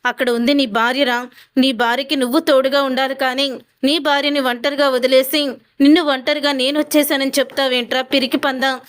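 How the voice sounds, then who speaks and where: A woman's voice: sits high, level tone, a little fast, clear, resonant tone, no room sound, studio quality, natural voice. A woman reading the lines of a stern, commanding mother-in-law in a retold family drama, in a scolding, demanding way.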